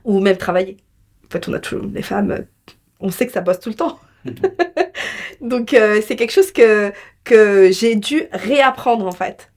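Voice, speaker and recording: A French woman, an entrepreneur and business mentor, speaks as an interview guest in a mid-range, darkish voice. She's animated but unhurried, telling personal stories conversationally in an emphatic, colloquial style.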